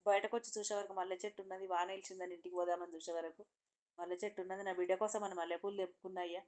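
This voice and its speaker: Woman doing a scared father who begs and pleads, fast and tearful. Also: lowish voice, little pitch movement, a little mellow, pitched below the performer's own voice, natural voice. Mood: pleading. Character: frightened poor father, pleading.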